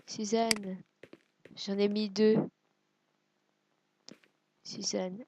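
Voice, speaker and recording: Woman chatting slowly over a game, lots of ums, pokes fun at herself, hissy noisy mic with clicks. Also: medium pitch, fairly even intonation, darkish tone. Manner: hesitant, musing aloud with many fillers; self-deprecating. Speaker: let's play gamer. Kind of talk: casual gameplay commentary.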